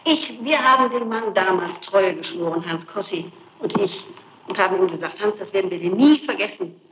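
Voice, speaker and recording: A woman with a mid-range voice speaks at a normal speed while being questioned as a suspect, answering emphatically and insistently and repeating her phrases. This is spontaneous interrogation testimony. It survives on dull, noisy, echoey archival tape.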